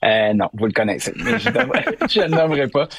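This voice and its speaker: A man's voice: mid-range voice, wildly swooping pitch, fast talker, vocal fry, slightly rough, no room sound. A man with a Québécois accent giving casual, conversational soccer analysis as a guest pundit.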